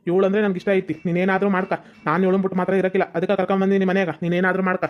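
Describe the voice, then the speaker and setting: A woman's voice: mid-range voice, level tone, lightly acted. A woman voicing a stubborn, devoted husband who talks firmly and reassuringly. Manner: firm, rapid, reassuring. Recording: dull lo-fi sound.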